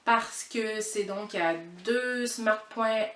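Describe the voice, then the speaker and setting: A woman's voice: on the high side, fairly even intonation, extremely slow, fairly bright tone. A woman with a mixed Québécois and French accent, chatting through a cooking vlog in a home kitchen and hesitating often with filler sounds. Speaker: cooking vlogger. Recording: echoey room, mic far off, noisy.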